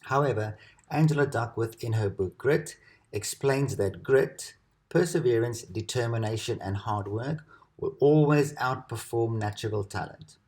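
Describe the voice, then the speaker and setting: A man reading a scripted educational narration at a measured, steady pace. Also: medium pitch. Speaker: presenter.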